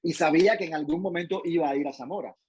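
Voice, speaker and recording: A man's voice: fairly high pitch, fast talker, a little mellow, breathy edge, dry recording, low-quality recording. A Cuban man answering interview questions in a thoughtful way, with frequent restarts and tag questions. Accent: Cuban Spanish. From Cuba. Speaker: interview guest, professor.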